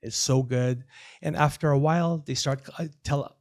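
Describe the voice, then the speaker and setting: A middle-aged man with a gravelly edge and a slightly high voice chats on a podcast. He is animated and jokey, often sliding into put-on voices for his bits. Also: normal speed. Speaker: podcast co-host. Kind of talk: casual comedic chat.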